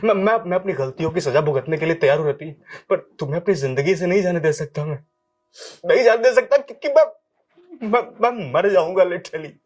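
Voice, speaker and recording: An actor as a sobbing, begging husband. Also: male voice, on the high side, fast talker, few pauses, a little mellow, highs cut off, lightly acted. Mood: desperate. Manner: stammering, pleading, sobbing. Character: remorseful husband begging his estranged wife. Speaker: actor in a short drama. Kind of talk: melodramatic acting. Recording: faint music behind.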